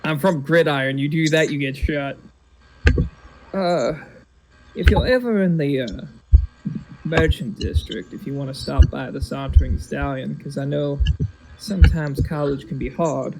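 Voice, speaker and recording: A man taking part in a tabletop game, talking in a halting way with many fillers. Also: fairly high pitch, vocal fry, background noise. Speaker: player. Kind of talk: tabletop role-play chat.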